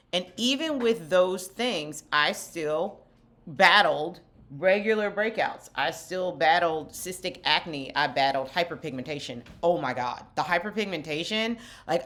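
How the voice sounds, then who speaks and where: Middle-aged woman, low voice, candid self-deprecating makeup chat, vlog founder type. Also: bright, forceful tone. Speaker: skincare company founder and vlogger. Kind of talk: get-ready-with-me makeup chat.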